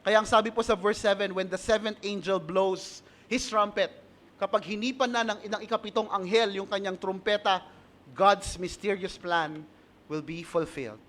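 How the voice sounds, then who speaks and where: Man, pastor, Filipino accent, high voice, sermon with light humor. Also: steady tone, normal speed, a bit bright. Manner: mixes in English, asks the congregation, laughs at his own stories.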